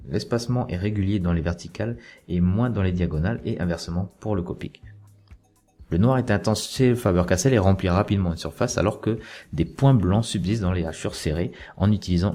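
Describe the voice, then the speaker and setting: A man who teaches drawing, reading a measured, explanatory narration that compares two pens. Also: low voice, dark tone. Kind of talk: scripted review narration.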